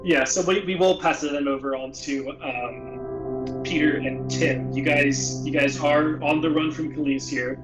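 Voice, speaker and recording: A man narrating a tabletop game as game master, relaxed, often laughing and repeating words as he sets the scene. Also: a little high, unhurried, roomy sound, over loud music, low-quality recording.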